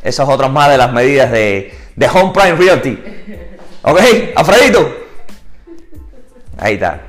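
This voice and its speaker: Soft music plays behind a man speaking a little slowly as he gives agents a live real estate business class. In animated Spanish sprinkled with English words, he asks rhetorical questions, pushing his voice high and loud for emphasis, then letting it fall low and quiet.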